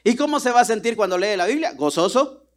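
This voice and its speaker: Male preacher, high and animated, tells stories and voices every character. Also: fairly quick. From Guatemala. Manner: animated, acts out dialogue with voices. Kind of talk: sermon with storytelling.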